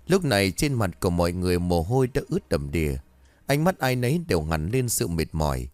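A man narrating a horror story in a measured, dramatic scripted way. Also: lowish voice, a little mellow, no echo.

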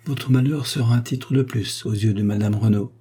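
A man voicing a kindly, fatherly middle-aged lawyer, speaking in a calm, reassuring way. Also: mid-range voice, moderate pace, breathy edge, natural voice.

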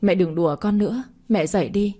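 A woman's voice: medium pitch, a little fast, dark tone, natural voice. A woman voicing a grieving middle-aged mother-in-law with a stern, cold manner, in an audio story.

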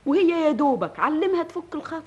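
A woman's voice: high-pitched, sing-song, fast talker. A woman acting a gossipy, meddling middle-aged mother in an old Egyptian radio drama, with an Egyptian Arabic accent and a chattering, nosy manner. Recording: dull lo-fi archival radio sound.

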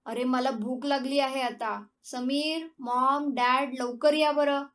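A woman voicing a teasing, mischievous young man in a calm, unhurried read. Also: sits high. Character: joking young man, cheeky. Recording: distant from the mic.

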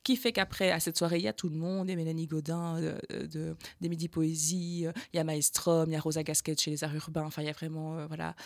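A woman's voice: low-pitched, quick pace, few pauses, no room sound. Chatty Charleroi-accented woman. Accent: Belgian, Charleroi. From Belgium, Charleroi area. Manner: animated, chatty, laughs often between phrases. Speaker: guest, slam poet. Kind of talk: casual interview storytelling.

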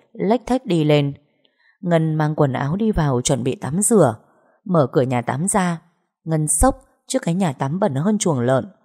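Brief: female storyteller, lower pitch, steady dramatic narration.

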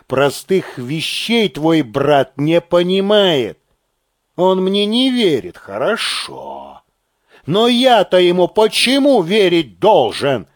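A man voicing a gruff, scheming lieutenant colonel who bullies in a slow, mock-friendly drawl, reading an audiobook. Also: high voice, no room sound, studio quality, full character voice. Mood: scolding.

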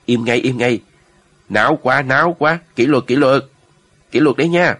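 A man's voice: medium pitch, moderate pace, a bit bright, no room sound, lightly acted. A man voicing a plump, jovial male army political officer who talks in a breathless, bossy, joking way. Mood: mock-stern.

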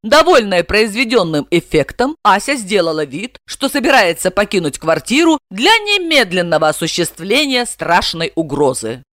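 A woman narrating a story expressively with ironic, lively asides. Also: mid-range voice, normal speed, hardly any pauses, no echo, clean studio sound.

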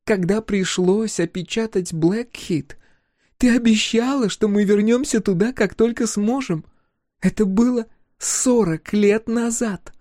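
A woman's voice: medium pitch, unhurried, mellow, no echo, clean studio sound, voice pushed up, close to an everyday voice. A man voicing a fierce, bitter young woman scientist whose voice breaks in anger. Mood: accusing. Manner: cutting, angry, voice breaking.

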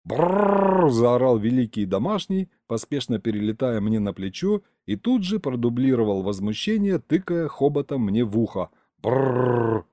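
A man narrating a story in the first person, with a lively, expressive reading. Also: medium pitch, normal speed, few pauses, no echo, clean studio sound. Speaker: audiobook narrator.

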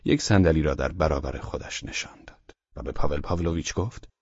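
Very deep husky male narrator. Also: darkish tone, no room sound, muffled recording. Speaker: audiobook narrator. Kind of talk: scripted audiobook narration.

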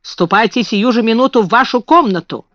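A woman voicing a stern, angry older headmistress who shouts slow, scolding words, in a dull lo-fi recording. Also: a little high, dry recording, voice pushed up, close to an everyday voice. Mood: furious.

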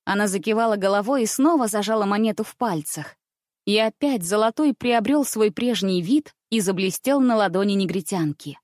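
A woman narrating a children's story in an expressive audiobook style. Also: medium pitch, normal speed, no echo, clean studio sound.

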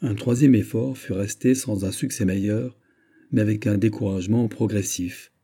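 Male audiobook narrator, measured reading, low husky voice, very dark tone. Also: fairly even intonation. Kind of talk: scripted narration of a classic novel.

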